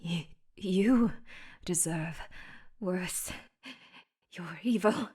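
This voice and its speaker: A woman voicing a wounded, frightened but defiant elf archer in a dramatic fantasy audiobook, breathy and halting. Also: lowish voice, warm tone, heavily acted. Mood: weak defiance. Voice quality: breathy, weak. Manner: halting, stammering, pleading.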